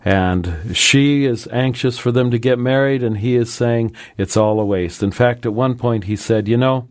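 A man hosting a religious radio program, telling a story in a gentle, measured way and then talking with a guest. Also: mid-range voice, dry recording. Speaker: radio Bible program host.

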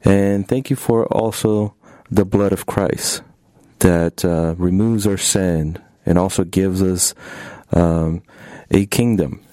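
A man's voice: deep voice, takes it slowly, mellow, no room sound, clean studio sound. A man from Brazil in his thirties, a doctoral student guest, speaking hesitantly with fillers, English. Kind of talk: interview and spoken prayer.

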